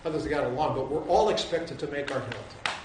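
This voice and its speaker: Male lecturer, fairly high voice, rambling and musing, distant mic, faint room noise behind. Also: fast. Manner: digressive, musing, with restarts. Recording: very echoey hall, from far off.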